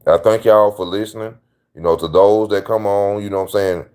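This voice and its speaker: A man's voice: lowish voice, steady tone, a little fast, a little mellow, clear, resonant tone. A man hosting his own channel, giving casual opinion commentary in a slangy, emphatic way that repeats his points. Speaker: channel host.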